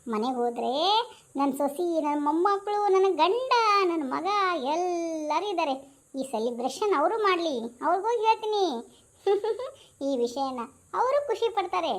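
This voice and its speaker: A gossipy older auntie with a North Karnataka accent, fussing and chiding in loud bursts, as a woman plays her in a comedy skit. Her voice sits very high and leaps up and down with lively, sing-song turns. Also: unhurried, exaggerated voice. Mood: coaxing. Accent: North Karnataka Kannada. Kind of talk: comic home skit acting.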